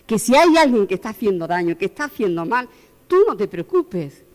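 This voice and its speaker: Animated woman preaching in a hall. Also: mid-range voice, a little fast. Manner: animated preaching, acts out voices of the Lord and the prophet. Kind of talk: sermon. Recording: hall reverb.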